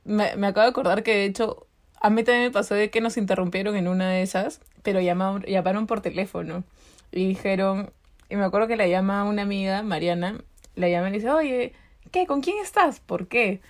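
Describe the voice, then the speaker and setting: A young woman with a Peruvian Spanish accent, a podcast co-host who chats casually and teases the others with quick remarks. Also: medium pitch, fairly even intonation. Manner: teasing, quick interjections. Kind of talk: casual chat.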